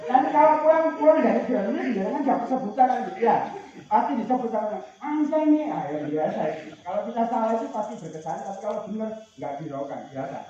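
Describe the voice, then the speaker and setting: Facilitator, man, high voice, jokey, barking game commands, heard from a distance in a big echoey space. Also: lively intonation, fast talker. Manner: shouted commands, joking and teasing. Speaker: outbound training facilitator. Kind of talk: leading group games outdoors. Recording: distant, roomy, muffled.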